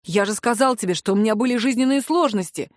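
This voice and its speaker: A woman's voice: fairly high pitch, quick pace, no room sound, close to an everyday voice. A woman reading an audiobook, voicing a young man who insists and coaxes, close to her own voice. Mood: pleading. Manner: insistent, coaxing. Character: young man, pleading and pushy ex-boyfriend.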